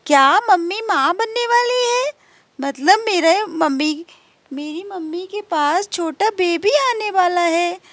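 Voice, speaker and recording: Tiny weepy girl in a doll story, high and slow, pleading, voiced by a woman. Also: expressive, a bit bright, no echo, exaggerated voice. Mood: tearful. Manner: tearful, pleading. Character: little girl crying for her mother.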